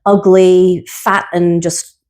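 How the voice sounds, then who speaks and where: A woman's voice: fairly low pitch, level tone, slow pace, darkish tone. Earnest woman guest telling her story. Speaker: guest psychotherapist. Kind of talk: personal reflective conversation.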